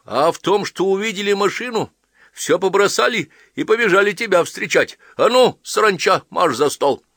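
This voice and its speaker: A man reading an audiobook, voicing a grumpy, nagging middle-aged village priest's wife in a raised, shrill voice. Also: lively intonation, moderate pace, a bit bright, no room sound, studio quality, heavily acted. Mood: scolding. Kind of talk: audiobook character voice.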